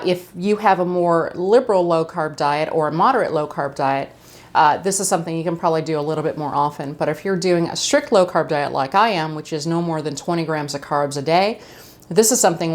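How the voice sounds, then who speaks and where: Chatty woman with a lowish voice. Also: fairly quick. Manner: chatty, friendly, with fillers and asides. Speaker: cooking channel host. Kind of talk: casual cooking demonstration. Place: home kitchen.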